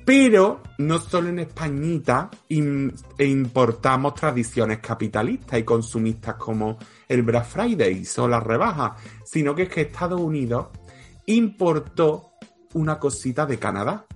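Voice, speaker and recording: Faint music plays behind a man whose mid-range, husky voice is expressive and a little slow. As a podcast co-host in a casual chat, he spins trivia into jokey stories and laughs often.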